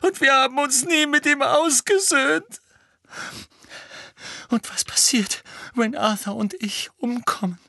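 A man putting on a sobbing, high-pitched anxious mother witch. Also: slow, bright, forceful tone, dry recording, clean studio sound, heavily acted. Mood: anguished sobbing. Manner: tearful, trembling, breaking into sobs. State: crying. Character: distraught motherly witch, middle-aged, anxious.

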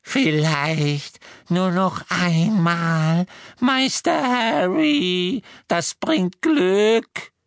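Squeaky frail old house-elf, servile but spiteful, super slow and way up high, dry sound. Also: male voice, creaky, no echo, exaggerated voice. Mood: sly servile. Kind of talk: audiobook character voice.

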